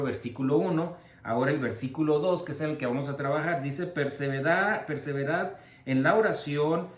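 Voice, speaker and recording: A male pastor giving a Bible-study sermon, teaching in a steady way and slowing down to spell out and repeat key words. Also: medium pitch, roomy sound. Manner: teacherly, slow emphatic word-by-word explanations. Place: church.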